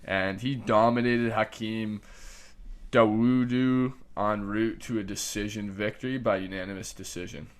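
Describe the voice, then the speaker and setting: A man from Canada co-hosting a podcast, chatting casually and analytically about fight results, often trailing off softly. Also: on the low side, steady tone, measured pace, clean tone. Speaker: podcast co-host. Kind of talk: casual sports chat.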